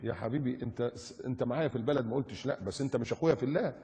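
A man's voice: mid-range voice, rapid-fire, warm tone, slightly rough, in a large hall. A man preaching a sermon with an Egyptian Arabic accent, mocking and firing off rhetorical questions.

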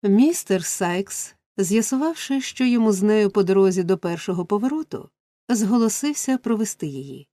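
A woman's voice: mid-range voice, normal speed, no room sound, clean studio sound. Woman reading a classic novel aloud. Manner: steady, expressive storytelling. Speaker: audiobook narrator. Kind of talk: scripted narration.

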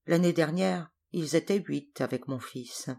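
A motherly woman who looks after a houseful of hunters, quiet and caring in a storybook reading, as a woman narrator voices her. She speaks kindly and plainly. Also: low voice, a little slow, creaky, exaggerated voice. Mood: sad.

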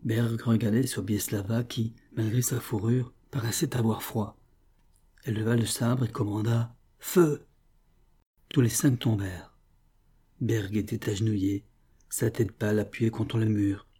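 A man reading a novella as scripted narration, measured and solemn. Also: lowish voice, flat delivery, dark tone, breathy edge. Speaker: audiobook reader.

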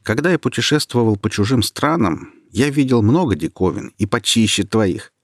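A stubborn young male charcoal burner , voiced by a man reading the tale. He talks brashly and defiantly, his husky voice raised a little above the narration. The sound is dry and close. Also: lowish voice, animated, moderate pace, dry recording. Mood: scornful. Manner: brash, then firm and defiant.

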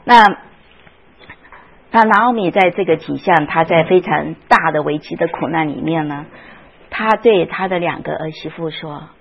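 A woman's voice: sits low, normal speed, creaky, breathy edge, lo-fi sound. A woman teaching a Sunday school Bible class, often asking the class questions and retelling scenes with feeling.

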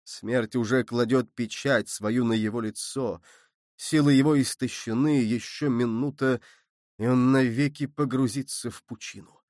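A man voicing a noble, merciful count who speaks in a low, soft and solemn way. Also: fairly even intonation, measured pace, dry recording, studio quality, lightly acted. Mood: pleading. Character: noble older male count, grave and merciful.

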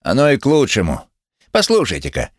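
A man's voice: on the low side, huge pitch swings, a little fast, no room sound, clean studio sound, pitched above the performer's own voice. A man voicing a sneering one-legged male cynic who speaks with mocking contempt. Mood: defiant.

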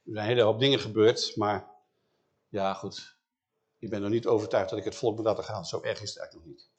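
A man doing a low, stubborn old-world king. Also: steady tone, quick pace, lightly acted. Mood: dismissive. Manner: dismissive, brushing off warnings. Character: stubborn proud male Egyptian king.

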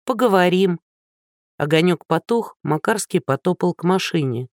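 A narrator reading an audiobook in an even, measured way. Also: medium pitch, no room sound, studio quality.

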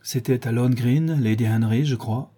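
A man's voice: mid-range voice, normal speed, dark tone, husky, natural voice. A man voicing an earnest, lovestruck young dandy in an audiobook reading.

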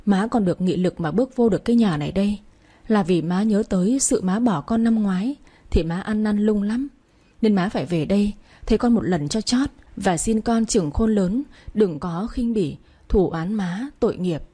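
A woman voicing a remorseful young mother who speaks softly and pleadingly, full of shame. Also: mid-range voice, normal speed, slightly rough, natural voice. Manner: soft, pleading.

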